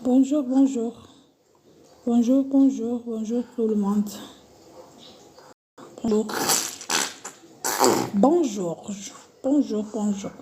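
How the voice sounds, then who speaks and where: Woman live streamer with a Portuguese accent, slow and mellow, higher register, faint noise behind the phone audio. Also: steady tone. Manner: repetitive greetings, self-correcting over word choice. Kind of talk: casual live stream talk.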